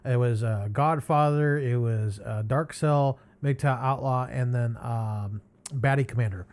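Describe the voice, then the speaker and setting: A man's voice: medium pitch, a little slow, a little mellow. A man hosting his own channel and reading viewer comments in a casual, rambling way, with many fillers, sighs and chuckles.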